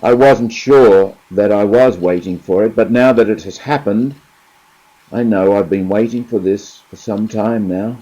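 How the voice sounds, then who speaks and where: A man voicing a dazed middle-aged man in a story, speaking softly in a matter-of-fact way. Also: on the low side, unhurried, dull audio. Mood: wistful.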